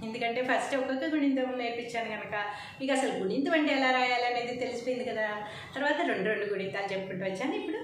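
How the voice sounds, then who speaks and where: A woman teaching a lesson, reciting syllables slowly and explaining how to write them. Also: on the high side. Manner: slow, drawn-out recitation of syllables. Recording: echoey room, faint noise.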